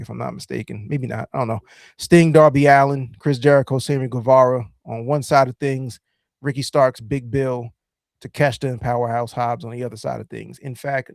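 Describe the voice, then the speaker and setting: A man's voice: medium pitch, vocal fry, a little mellow, dry recording. Rambling male podcast host, dry sound. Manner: rambling, heavy on fillers. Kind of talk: casual chat.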